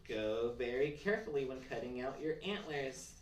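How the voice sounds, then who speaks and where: With a distant mic catching room echo, faint noise and occasional clicks, a craft host talks children through each step simply and supportively. The mid-range voice is expressive and moves at normal speed.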